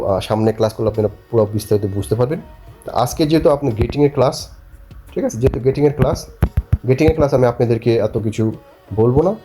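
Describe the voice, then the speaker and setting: A man teaching a beginner language class, patiently repeating phrases slowly and often checking that learners follow. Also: medium pitch, mellow. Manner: keeps asking if learners follow.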